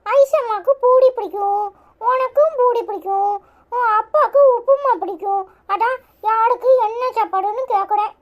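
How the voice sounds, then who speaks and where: A woman doing a squeaky cheeky cartoon kid. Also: normal speed, dull audio. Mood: chatty. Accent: Kanyakumari Tamil. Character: young child, food-loving and cheeky. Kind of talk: cartoon voice acting.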